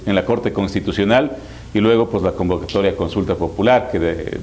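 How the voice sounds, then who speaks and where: Male Ecuadorian interview host, lower register, formal and wordy delivery. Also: darkish tone.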